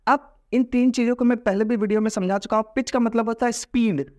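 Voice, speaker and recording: A man's voice: extremely high pitch, fairly even intonation, fast talker, a little mellow. A man with an Indian accent teaching a lesson in a casual, explanatory way, mixing Hindi and English. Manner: explanatory, mixes Hindi and English, acts out example voices.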